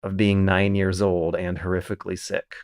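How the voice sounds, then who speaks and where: A man in his thirties, a podcast host telling animated stories in casual chat. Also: sits low, normal speed, clear, resonant tone. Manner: animated storytelling, reads listener questions aloud.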